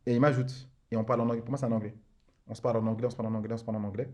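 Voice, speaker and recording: A man's voice: medium pitch, level tone, darkish tone. A man, a podcast guest, telling stories in a casual chat, slangy and full of filler words. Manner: slangy, rapid, full of fillers like genre and en mode.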